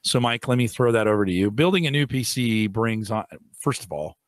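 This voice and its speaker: Speaking briskly into a boom-arm studio mic, a middle-aged tech podcaster rambles casually, full of fillers and false starts, his voice raspy and hoarse from allergies. He records in a shelved home studio, and no room sound comes through.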